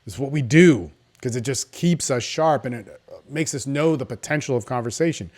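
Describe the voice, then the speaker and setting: A man's voice: mid-range voice, moderate pace, darkish tone. A man giving informal coaching advice in a confident, salesy, casual way, often checking in with "right?". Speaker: dating coach.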